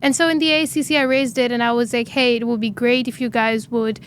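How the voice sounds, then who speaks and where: A woman in her twenties from Dubai, a startup founder telling her story in an interview, earnest and animated with frequent fillers. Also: on the high side, fast, a little hiss or hum. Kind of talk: interview conversation.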